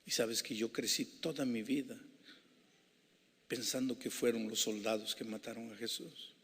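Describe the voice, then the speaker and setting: A man preaching an evangelistic sermon, shifting between hushed, intimate passages and impassioned, rising climaxes. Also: mid-range voice, level tone, moderate pace, breathy edge. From Peru. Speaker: pastor. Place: large civic center hall. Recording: reverberant civic hall.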